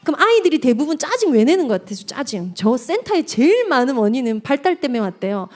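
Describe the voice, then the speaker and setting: A woman evangelist giving a lively seminar lecture to parents, talking straight to the audience and acting out little scenes. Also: high-pitched, fast. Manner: animated, addresses the audience directly, acts out quotes.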